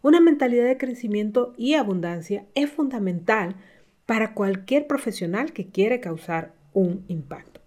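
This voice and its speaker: A middle-aged woman coach giving a motivational talk, speaking with lively, emphatic swings up in pitch. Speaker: leadership coach.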